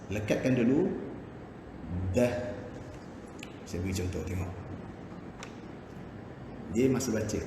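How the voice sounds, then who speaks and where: Malaysian Malay male Quran teacher, echoey room. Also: medium pitch. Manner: explains patiently, demonstrates by chanting verses slowly. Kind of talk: Quran recitation lesson with explanations. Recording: echoey room with background noise.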